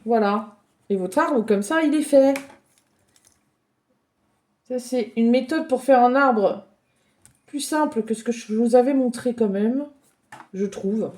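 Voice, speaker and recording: A woman giving a gentle, chatty drawing lesson for children, thinking aloud as she tells a story. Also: fairly high pitch, takes it slowly, pauses often.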